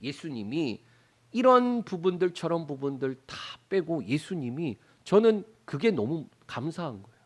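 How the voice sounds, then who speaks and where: A middle-aged pastor from Daegu with a Gyeongsang accent, preaching a Wednesday sermon, asking the congregation rhetorical questions and acting out voices. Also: male voice, fairly high pitch, sing-song, normal speed. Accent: Gyeongsang Korean. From Daegu, South Korea. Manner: acts out Bible characters' lines in exaggerated voices. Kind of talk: Wednesday prayer service sermon.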